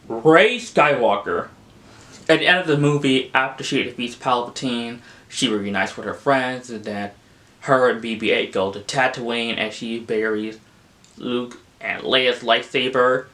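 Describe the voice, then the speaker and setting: Young male film vlogger, casual and exasperated, loose rambling delivery with lots of fillers, mid-pitched voice. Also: measured pace, a bit bright. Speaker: film reviewer. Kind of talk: casual spoken movie review.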